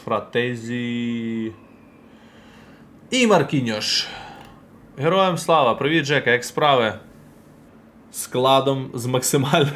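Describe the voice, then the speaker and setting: A man streaming a football card game, chatting casually with his viewers as he opens packs and reacts. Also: medium pitch. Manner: chatty, addresses chat directly, quick reactions. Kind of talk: casual live-stream commentary while opening packs.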